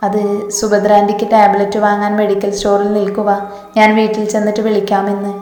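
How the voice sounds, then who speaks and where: A woman's voice: mid-range voice, completely flat delivery, fast, warm tone, roomy sound, in a large hall, natural voice. A woman narrator voicing an anxious young college girl who pleads. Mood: pleading.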